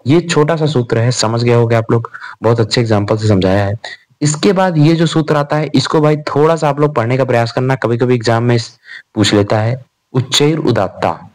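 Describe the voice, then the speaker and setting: A man's voice: medium pitch, brisk, darkish tone. A young man giving an informal revision lecture on grammar. He talks in a chatty way, calls the students "bhai", and asks and answers his own questions. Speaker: Sanskrit grammar tutor.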